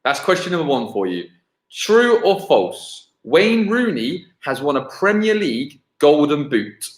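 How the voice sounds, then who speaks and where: A man runs a live-streamed football quiz in a high-leaning, sing-song voice. He slowly and clearly repeats every question, chats casually with viewers, and the home recording sounds roomy with noticeable echo.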